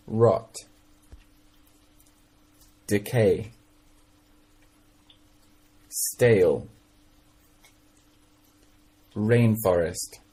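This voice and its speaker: A man with a lowish, dark, husky voice teaches English vocabulary through repeat-after-me drills. He speaks slowly and patiently, checking in often with "okay?" and adding brief explanations in Mandarin.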